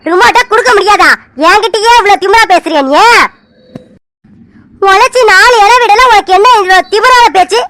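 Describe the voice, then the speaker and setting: A woman voicing a quarrelsome aunt in an animated joint-family drama, scolding sharply. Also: very high-pitched, normal speed. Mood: angry scolding.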